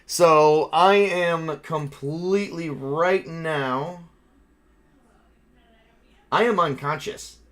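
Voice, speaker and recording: As game master, a man narrates and runs an improvised tabletop horror game, speaking casually and haltingly with occasional swearing. His voice is fairly high and a bit bright.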